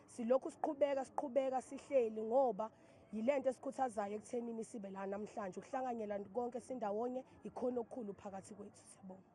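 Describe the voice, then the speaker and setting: A woman's voice: on the high side, dark tone, a little hiss or hum. A young woman with a Zulu accent from South Africa, giving interview answers as a festival participant. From Richards Bay, KwaZulu-Natal, South Africa. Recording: faint background ambience on location.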